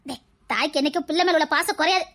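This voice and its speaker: A woman's voice: high voice, rapid-fire, a bit bright. A woman voicing a stern, grieving mother who scolds her grown son in a dubbed serial drama. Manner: scolding, dismissive.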